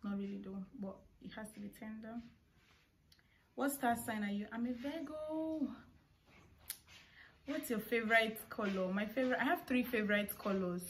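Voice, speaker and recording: A young vlogger with a Nigerian accent speaks at a moderate pace in a fairly high voice, lively in intonation and often pausing. Talking casually to camera, she fields questions with informal side comments. Clear household background noise fills the family home's living room around her.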